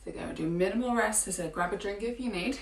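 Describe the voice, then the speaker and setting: A woman fitness coach leading a home workout, encouraging and cueing breaths, with a morning croaky voice. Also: mid-range voice, fast, a little hiss or hum. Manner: encouraging, counting through exercises. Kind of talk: guided home workout instruction. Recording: roomy, from a distance with faint ambience.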